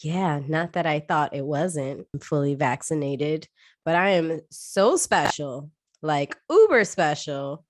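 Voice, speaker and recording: A woman's voice: low voice, expressive, takes it slowly, dry recording, studio quality. A woman co-hosting a casual podcast, jokey and self-deprecating, sounding very nasal and congested from being sick, as if her nose were pinched. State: sick with covid. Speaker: podcast co-host.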